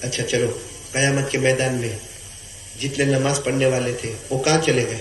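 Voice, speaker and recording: A man preaching a fervent sermon to a large gathering, calling on the crowd to answer him and swinging between hushed and shouted delivery. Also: mid-range voice, level tone. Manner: call-and-response, urging the crowd to answer. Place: large outdoor religious gathering. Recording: echoey, noisy crowd gathering.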